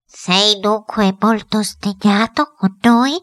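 A woman reading aloud, voicing a pious, fawning older woman who pleads with a spirit in a high, imploring voice. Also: takes it slowly, fairly bright tone, dry recording. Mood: pleading.

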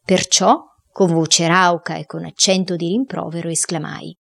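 A woman narrating a storybook in a steady, expressive reading voice. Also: lowish voice, moderate pace, vocal fry. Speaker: audiobook narrator.

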